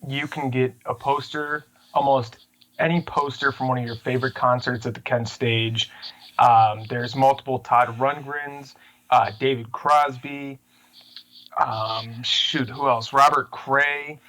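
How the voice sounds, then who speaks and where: A man's voice: medium pitch, steady tone, fairly bright tone, rough recording. Easygoing male podcast co-host. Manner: spells out a web address slowly and plainly. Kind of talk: casual sports podcast chat. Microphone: remote podcast mic over the internet.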